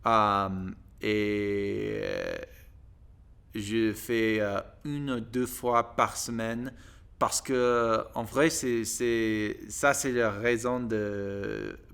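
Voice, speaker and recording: An American man, a native English speaker, talks in halting broken French with a clean, smooth voice on the low side. He goes slowly, searching for words and slipping on grammar in a casual learner's monologue. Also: level tone, fairly bright tone. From United States. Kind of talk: casual monologue to camera in a second language.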